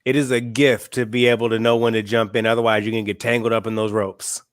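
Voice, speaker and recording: A man from Michigan, a guest author and speaker, chatting in a relaxed, wry and opinionated way over a video call. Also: lowish voice, fast, no room sound, studio quality. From Michigan, USA. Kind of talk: casual interview chat.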